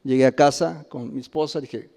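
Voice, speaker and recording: A middle-aged man with a Mexican Spanish accent preaching a sermon, telling personal stories with frequent chuckles and loud exclamations. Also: mid-range voice, moderate pace, gravelly. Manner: animated, chuckles often, rises to loud exclamations. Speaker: pastor. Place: church sanctuary. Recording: reverberant church hall.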